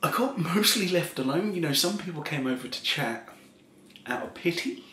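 A tipsy man in his thirties telling a rambling ASMR story in a soft voice, chuckling often and slipping into half-whispers. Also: fairly high pitch, animated, normal speed. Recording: roomy echo, faint background hiss.

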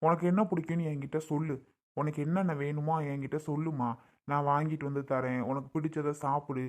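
Grown son, reassuring and persuasive, low-pitched, a woman voicing him. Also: steady tone, fairly quick, close to an everyday voice. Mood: coaxing. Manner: coaxing, reassuring. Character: caring grown son comforting his mother. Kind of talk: family skit acting.

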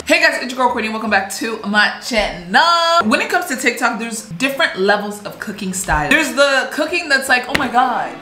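A woman's voice: a little high, expressive, brisk, few pauses. Woman host, comedic reaction commentary, roomy sound and background music. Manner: incredulous, exclaiming rhetorical questions. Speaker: YouTube host reacting to cooking videos.

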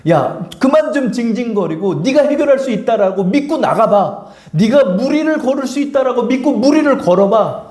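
A blunt, fatherly God who scolds and urges his listener on, as a preaching man puts him on. The lively voice climbs and falls widely as it presses its point. It rings out through an echoey church hall. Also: very high voice, moderate pace. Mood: urging. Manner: blunt, scolding casual speech. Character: God speaking, firm fatherly male voice.

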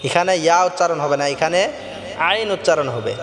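A man teaching Quran recitation rules, slowly chanting verses in a melodic voice, then explaining pronunciation in quick plain speech. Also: fairly high pitch, animated, in a large hall, crowd noise. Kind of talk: tajweed lesson alternating chanted recitation and quick spoken explanation.

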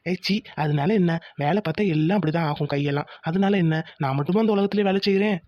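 A woman voicing a gentle, devoted young village husband who works as a mechanic. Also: fairly low pitch, dry recording, highs cut off, natural voice. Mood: tender. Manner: gentle, reassuring, quick talk. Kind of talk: cartoon voice acting.

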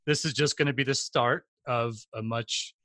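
A man in his forties hosts a casual podcast interview over a video call from home, enthusiastic and rambling with plenty of fillers. His mid-range voice is steady and sharp at a normal speed, captured dry on a desk condenser mic.

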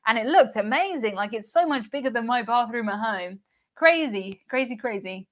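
A young woman from the United Kingdom hosts a cruise channel live stream in a fairly high, fairly bright, animated voice at a moderate pace. She chats casually, reads out viewer comments, laughs often, and repeats words.

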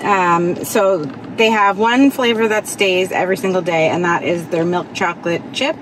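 A woman's voice: on the low side, fairly even intonation, normal speed. A woman in her forties hosting a casual taste-test vlog from a parked car, chatty and explaining as she goes. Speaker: vlog host. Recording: noisy car interior.

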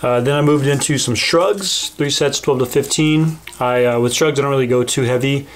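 A young man in his twenties talking casually in a home vlog voiceover with lots of fillers and a relaxed, rambling way of talking. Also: medium pitch, normal speed. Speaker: fitness vlogger. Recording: background music under the voice.

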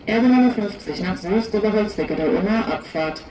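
Female station announcer, flat formal platform announcement over PA speaker, echoing, heavy train noise. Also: mid-range voice, a little fast. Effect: public-address loudspeaker. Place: outdoor railway station platform. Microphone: handheld camera far from loudspeaker. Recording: echoey distant loudspeaker, loud train noise. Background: loud train and station noise.

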